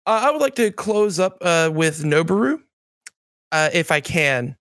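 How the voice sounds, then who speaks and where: A man's voice: on the high side, sing-song, unhurried, fairly bright tone, no room sound, clean studio sound. A man playing in a tabletop role-playing session, thinking aloud about his moves with frequent fillers. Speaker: player.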